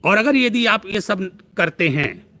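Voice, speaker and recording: A male astrologer speaks on a live stream, earnest and preachy. His voice sits a little high for a man. He piles up long runs of words and repeats his advice to press it home. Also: animated, a little slow, sharp tone, no echo.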